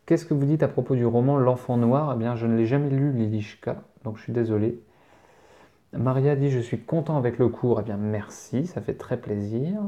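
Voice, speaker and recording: A man's voice: mid-range voice, warm tone, highs cut off. A man teaching French, reading out viewer questions and answering them casually, spelling words out letter by letter. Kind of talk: casual live Q&A.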